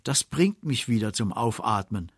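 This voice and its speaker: A man voicing his sick friend in a hospital bed, gentle and a little teasing. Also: mid-range voice, animated, moderate pace, slightly rough, no room sound, studio quality.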